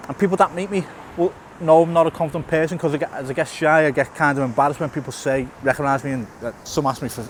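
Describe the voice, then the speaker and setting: A middle-aged YouTuber walks outdoors through a town, past a tunnel, talking casually to camera in a vlog. He has a lisp and a stutter, repeating and restarting words with fillers, and speaks fast in a slightly high, fairly even voice. A little hiss or hum sits in the recording.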